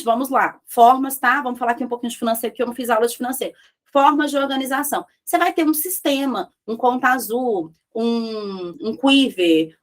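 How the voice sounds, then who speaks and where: A woman, teaching a business lesson as a mentor and speaking straight to her audience. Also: sits high. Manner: lively, talks to the audience directly, acts out dialogues.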